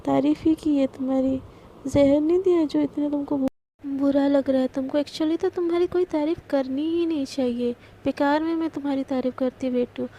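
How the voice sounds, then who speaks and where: A sassy, teasing young office girl, voiced by a woman telling the story. The voice sits high with a gravelly fry, dark in tone, over a faint background hum. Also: steady tone. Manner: sassy, quick comebacks.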